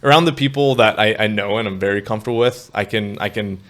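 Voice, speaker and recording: A young man co-hosting a podcast, speaking in a thoughtful, measured way in casual chat. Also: fairly low pitch, fairly bright tone. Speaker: podcast co-host.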